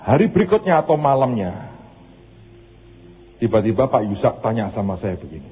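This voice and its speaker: A man's voice: fairly low pitch, sing-song, moderate pace, husky, narrow, tinny audio. A man preaching a sermon as pastor, moving between preaching and a casual, storytelling anecdote.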